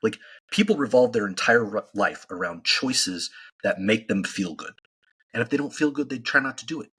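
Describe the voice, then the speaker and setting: A man's voice: on the low side, expressive, normal speed, a bit bright, husky, low-quality recording. A man in a casual podcast conversation, arguing emphatically and throwing out rhetorical questions.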